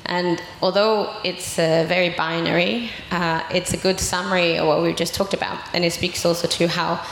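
A woman lecturing in a measured, explanatory manner in an echoey room. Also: on the low side, steady tone, a bit bright, a little hiss or hum. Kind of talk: presentation talk.

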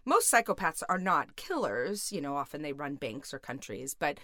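A middle-aged woman explains her field as an interview guest. Her voice is on the low side and moves with very animated intonation, recorded close and dry. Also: moderate pace, no echo. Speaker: guest expert, criminal psychologist.

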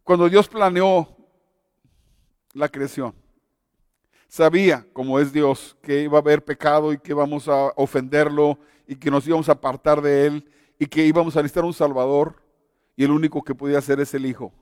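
A man in his fifties gives a sermon in a high, searching voice, leaning on repetition and pauses and stumbling into restarts now and then. The sound is close and dry, but a long reverb trails after his words as in a large hall. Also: fairly even intonation, darkish tone, clean tone. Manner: retells a story with emphatic pauses and repetition; stammers and restarts often. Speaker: preacher.

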